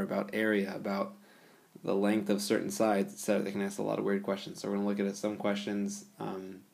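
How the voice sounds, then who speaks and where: A man's voice: lowish voice, vocal fry, darkish tone. A man teaching a geometry lesson over a screencast, explaining patiently in a casual way and often checking in with the listener. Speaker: math teacher.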